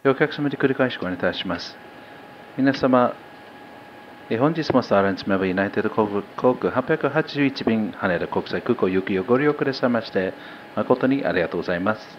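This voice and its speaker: A man working as a flight attendant, reading a formal announcement over an airliner's cabin loudspeaker, with small slips. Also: on the low side, expressive, racing. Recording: muffled PA with faint cabin hum.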